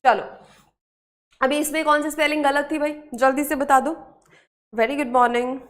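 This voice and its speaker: A woman with an Indian accent teaching English spelling in a live online class, brisk and encouraging, urging students to answer quickly. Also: sits high, level tone, fairly bright tone.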